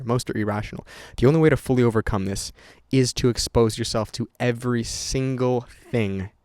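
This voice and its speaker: With a fairly low, slightly mellow voice, a young man chats casually and unscripted to camera as a content creator. He wanders, swears freely and makes many restarts. The recording is clean studio sound with no room ambience.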